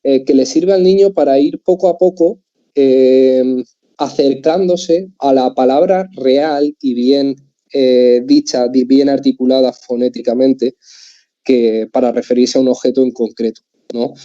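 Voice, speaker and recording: Spanish guy talking to parents about speech, real dark voice, keeps checking in, dull muffled audio. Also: mid-range voice, fairly even intonation, a little slow. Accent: Spain Spanish. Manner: explanatory, often checks in with a tag question. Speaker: speech therapist. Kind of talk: talk for parents.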